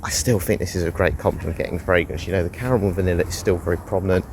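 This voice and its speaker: Talking very fast in a low-pitched voice with fairly even intonation, a fragrance reviewer rambles through a casual review while on an outdoor walk. He has a head cold and sighs now and then, and there's slight background noise.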